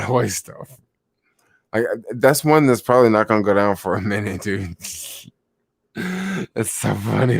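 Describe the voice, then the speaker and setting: A man's voice: fairly low pitch, darkish tone, dry recording. A young man chatting casually about stocks on a livestream, rambling with lots of fillers and answering viewers, sounding sleepy. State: sleepy, yawning. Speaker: stock vlogger.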